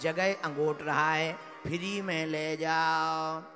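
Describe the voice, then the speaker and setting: A preacher voicing a blunt sculptor. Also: male voice, a little high, fairly even intonation, takes it slowly, bright, forceful tone, pitched below the performer's own voice, heavily acted. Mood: firm coaxing. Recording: echoey hall with faint music.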